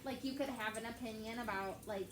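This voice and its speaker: A young elementary school teacher reads a story aloud to her class, chatting away and peppering the kids with questions while saying "like" a lot. Her voice is a little high and a little fast. The classroom is echoey, with background noise.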